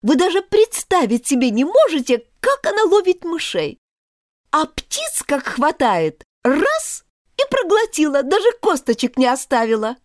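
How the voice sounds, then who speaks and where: A woman's voice: sing-song, a little slow, dry recording, studio quality. A woman voicing Alice, a polite, eager little girl, in a storybook reading. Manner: high, earnest and eager to please.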